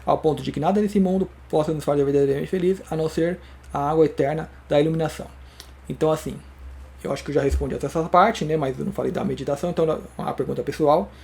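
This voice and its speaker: A man's voice: fairly high pitch, steady tone, fast, creaky, warm tone. A man gives a reflective spiritual talk, answering viewer questions and thinking aloud with frequent tag questions. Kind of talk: reflective spoken monologue.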